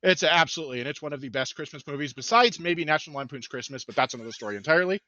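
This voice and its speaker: Excitable jokey man, bright tone. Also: on the high side, rapid-fire, no room sound, lo-fi sound. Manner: excitable, self-deprecating, jokey. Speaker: guest, marketing manager. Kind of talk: casual podcast chat.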